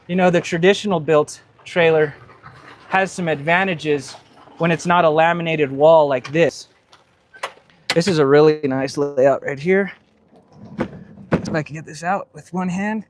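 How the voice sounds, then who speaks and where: A man selling RVs who walks through travel trailers on a live stream, chatty and explanatory with lots of fillers, sweating in the heat. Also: a little high. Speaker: RV salesman giving a walkthrough. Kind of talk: casual live walkthrough. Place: inside and around trailers on a dealership lot.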